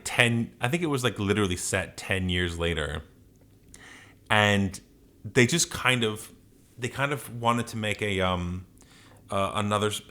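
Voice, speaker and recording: A man's voice: fairly low pitch, fairly bright tone. A man co-hosting a podcast, chatting casually in a rambling, opinionated rant with plenty of swearing. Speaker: podcast co-host. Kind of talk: casual ranting podcast chat.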